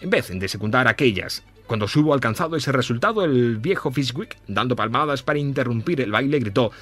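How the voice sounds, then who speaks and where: A man narrating a classic Christmas story in a measured, storytelling way. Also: mid-range voice, expressive, fairly bright tone, soft background music. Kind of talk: scripted narration.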